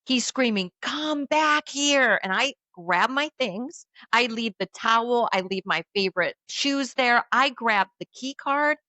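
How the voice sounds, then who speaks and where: A woman telling a dramatic personal story in casual chat, animated and acting out the voices of others. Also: a little high, a little slow, few pauses, no room sound. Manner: animated, acts out quoted voices.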